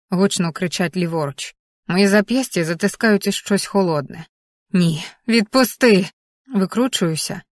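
A woman's voice: mid-range voice, dry recording, studio quality. A woman reading a first-person story aloud as an audiobook narrator, in a tense, vivid present-tense manner.

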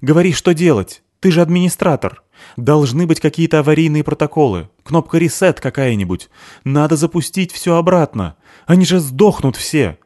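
A man's voice: on the high side, very animated, moderate pace, no echo, studio quality, pitched above the performer's own voice. A man voicing a tough young woman who barks blunt orders. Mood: urgent commanding. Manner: barking orders, brusque.

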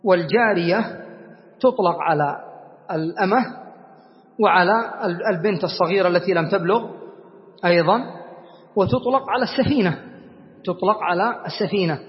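A man teaching a class as a sheikh, explaining grammar deliberately, repeating key words and quizzing his students. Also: high-pitched. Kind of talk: classroom lesson on Arabic grammar. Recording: dull lo-fi sound with long reverb.

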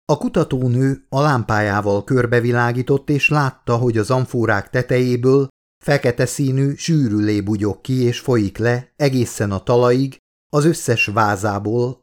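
A man narrating his own book as an audiobook, steady and measured. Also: medium pitch.

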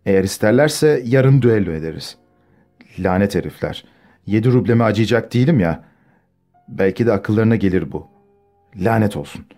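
A man's voice: fairly low pitch, expressive, moderate pace, pauses often, warm tone, soft background music. A man reading a novel aloud as an audiobook, acting out the dialogue with shifting tone. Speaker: audiobook narrator.

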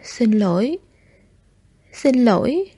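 A woman voicing a gentle young male mushroom monster in human form who is dying, speaking in a weak, breathless near-whisper. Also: on the high side, sing-song, slow pace, breathy edge, no echo, studio quality, heavily acted. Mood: weak, tender.

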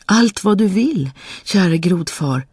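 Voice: medium pitch, animated, darkish tone, slightly rough, no echo, studio quality, voice pushed up. A reader voicing a spoiled young princess who turns petulant or eager in a fairy tale reading. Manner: petulant, eager to please when she wants something. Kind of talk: storybook reading.

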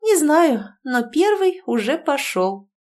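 A woman voicing a grumpy young female friend who answers in curt, grumbling phrases, a little higher than her own voice. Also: sing-song, slow, a little mellow, full character voice.

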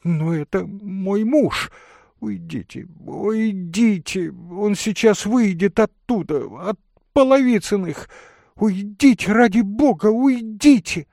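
A flighty society lady, put on by a male narrator, chatters in a high, leaping voice, gushing and breathless. The voice is gravelly underneath and dry, read in audiobook style. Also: animated, slow pace, a little mellow, no echo, full character voice. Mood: frightened, pleading. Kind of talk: audiobook character reading.

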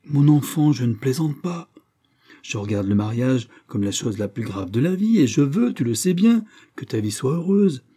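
A man's voice: medium pitch, big pitch swings, dark tone, breathy edge. A man voicing a stern, lecturing father. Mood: firm. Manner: measured, lecturing, firm. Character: stern, reasoning middle-aged merchant father. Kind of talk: audiobook character reading.

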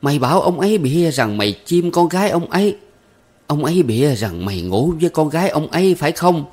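Shrill, furious old mother barking at her son from an audiobook novel, as a man reads her, voice pushed up high and loud, harsh and biting in every word. she sounds a bit distant from the mic. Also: very animated, a little fast.

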